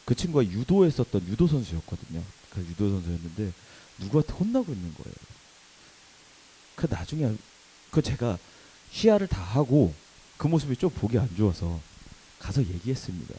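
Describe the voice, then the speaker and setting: A young adult man preaching to a youth service, telling a funny personal story with lively acted quotes and laughter. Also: fairly low pitch, moderate pace, slight background noise, poor audio. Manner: animated storytelling, laughing at himself, acting out quoted shouts. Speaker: youth pastor. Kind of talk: sermon with personal anecdote. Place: church worship hall.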